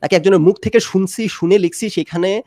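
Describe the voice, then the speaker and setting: A man arguing his point in a fast-paced debate, often slipping English phrases into his Bangla. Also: high voice, warm tone, no echo, clean studio sound. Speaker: discussion panelist.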